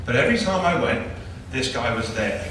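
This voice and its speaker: A man's voice: medium pitch, animated, moderate pace, fairly bright tone, slight background noise. A man, a club chairman, gives a chatty, joking after-dinner award speech. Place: large banquet hall. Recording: echoey hall, distant mic.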